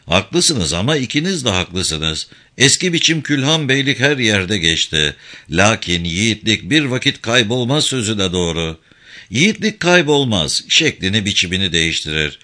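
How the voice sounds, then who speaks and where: A polite, urbane young gentleman speaks in a calm, courteous, reasoning way, as voiced by a male audiobook reader. His tone is bright, with lively pitch. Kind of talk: audiobook character reading.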